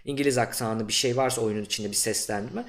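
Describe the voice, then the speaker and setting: A young man hosting a podcast interview, talking in a relaxed, chatty way with plenty of fillers. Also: mid-range voice, fast talker, over a noisy crowd. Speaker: podcast host. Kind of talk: casual interview chat.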